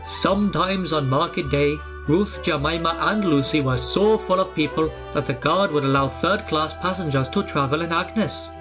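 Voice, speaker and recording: A man's voice: fairly high pitch, moderate pace, hardly any pauses, music in the background. A man reading a storybook aloud and putting on voices for the engines and coaches. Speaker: storybook narrator.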